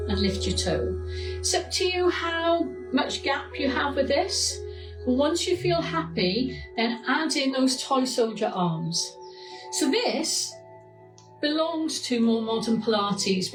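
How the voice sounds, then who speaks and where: Teaching an online Pilates session, this woman sounds croaky and fairly high, keeping up an upbeat, chatty stream of encouragement full of side comments and self-corrections. Music runs in the background, and her distant mic picks up an echoey room.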